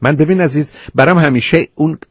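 A man with a husky, slightly breathy voice hosts a call-in advice program. He lectures patiently but firmly, pressing his points home. The sound is dry and muffled like an old broadcast. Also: on the high side, no echo. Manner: lecturing, patient but firm, calls caller 'dear'. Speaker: radio advice host.

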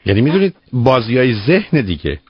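Radio advice guy, deep-ish husky voice, straight-talking and preachy, muffled radio audio. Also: very animated, dry recording. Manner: direct, lecturing, rhetorical questions. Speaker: radio psychologist host. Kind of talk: radio call-in counseling.

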